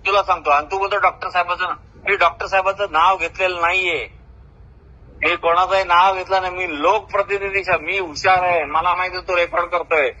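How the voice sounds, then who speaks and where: On a recorded phone call, a retired government officer, an older man with a Marathi accent from Maharashtra, talks at length in a boastful, confrontational way. His high, steady voice is brisk and sharp in this heated, informal conversation.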